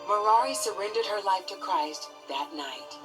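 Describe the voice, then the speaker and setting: A woman reading scripted documentary narration in a measured, composed way. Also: medium pitch, lively intonation, low-quality recording. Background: music bed.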